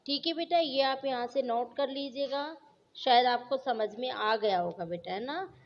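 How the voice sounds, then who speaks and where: A woman's voice: high voice, a little slow. A woman teacher with an Indian accent, patiently explaining grammar to her students and calling them "beta", mixing in a few English words. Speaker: school teacher. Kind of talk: recorded grammar lesson for students. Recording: dull lo-fi recording with long reverb.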